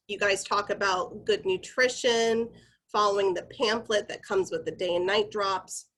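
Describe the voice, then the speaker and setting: A woman with a medium-pitched, steady, fairly bright voice speaks at a moderate pace. She's leading an informal corporate training session, explaining guidelines conversationally and instructively while addressing her group directly.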